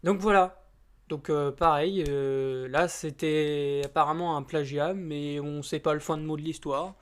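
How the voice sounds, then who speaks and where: A man's voice: on the high side, steady tone, a little slow, smooth. A man chatting casually to camera as a YouTuber. He rambles and hesitates, with many fillers and restarts, in informal, slightly crude speech.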